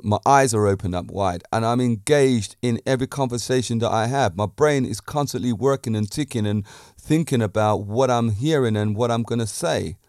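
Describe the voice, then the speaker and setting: A podcast host from Britain holds forth with assured motivational talk, hammering home points and posing rhetorical questions. His voice is mid-range and darkish at a normal pace, and the studio-quality audio carries no room sound.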